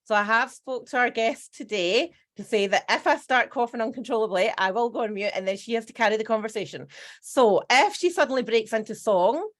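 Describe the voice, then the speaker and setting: A woman's voice: a little high, a little fast. A middle-aged Scottish woman hosting a casual podcast chat, with a self-mocking, dramatic way of talking. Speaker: podcast host.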